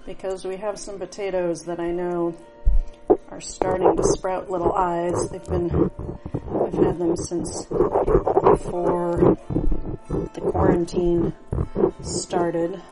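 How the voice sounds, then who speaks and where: A woman's voice: lowish voice, level tone, slow pace, loud music behind the voice. A middle-aged woman talking casually while she cooks in her home kitchen, thinking aloud and chatting as she works. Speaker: home cook. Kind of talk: casual cooking vlog narration.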